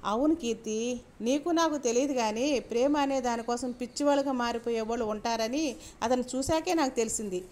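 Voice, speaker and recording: A woman voicing a gentle bedridden young man. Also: fairly high pitch, a little fast, lightly acted. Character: young man recovering in bed, gentle and teasing.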